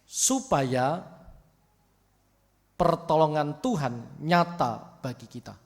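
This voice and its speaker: A man's voice: fairly high pitch, lively intonation, takes it slowly, in a large hall. A man with a Javanese accent preaching a sermon as pastor, joking and slipping in playful Javanese asides. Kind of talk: sermon with humor. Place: church.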